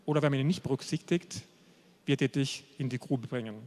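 A man preaching a sermon, emphatic and repetitive, slowing down to stress key phrases. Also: medium pitch, a little mellow. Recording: long hall reverb.

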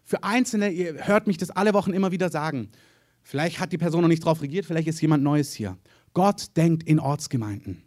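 Male pastor, slightly higher voice, animated storytelling sermon delivery. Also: brisk. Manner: lively storytelling preacher, mimics quoted voices.

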